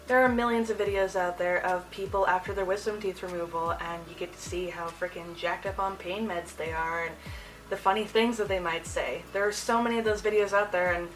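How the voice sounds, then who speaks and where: A young adult woman hosting a casual storytime vlog, talking in an animated, slangy way. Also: medium pitch, recorded from a distance, rough recording. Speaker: video host. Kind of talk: casual personal storytime to camera.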